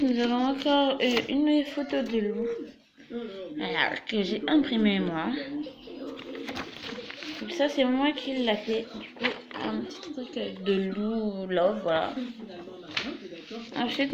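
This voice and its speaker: A young woman with a high-leaning voice takes her time, leaving long pauses as she shows her fans to the camera in a small room. She's chatty and uses fillers like "du coup" and "voilà." The sound is lo-fi, with a crowd in the background.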